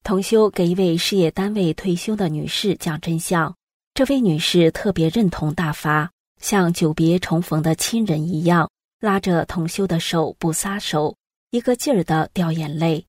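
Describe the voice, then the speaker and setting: A woman reading scripted news stories aloud in an even storytelling delivery. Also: on the low side, moderate pace, no echo, studio quality. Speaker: news reader.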